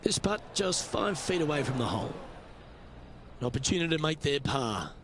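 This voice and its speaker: A man's voice: a little high, very animated, moderate pace, background noise. A man playing a lead golf commentator in a video game, calling play in a polished broadcast style. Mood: composed, appreciative.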